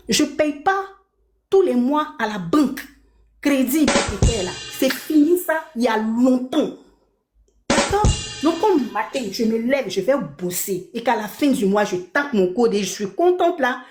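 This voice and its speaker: A woman's voice: a little high, reverberant. A woman from Belgium on a heated live stream, speaking from her apartment, indignant and repeating her points.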